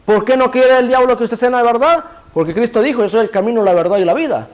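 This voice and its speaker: Male preacher, high voice, sermon delivery, rhetorical questions answered himself, cues a reader to repeat verses. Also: quick pace. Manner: asks the congregation rhetorical questions and answers them; directs a reader to repeat scripture phrases.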